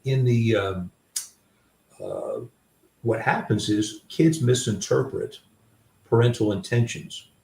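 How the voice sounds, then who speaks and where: A man's voice: fairly low pitch, darkish tone, roomy sound, far from the mic. An older man and author, telling candid, self-deprecating personal stories in a reflective way, with many restarts. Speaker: author and guest.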